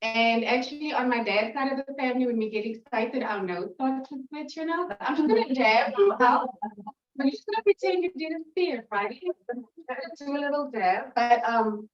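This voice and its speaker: Before reading her poetry to a room full of people at a literary event, a South African woman gives warm, chatty stage talk, giggly and emotional. She has a high voice with lively intonation and speaks at a moderate pace. The mic is far away in an echoey room, and the sound comes across dull.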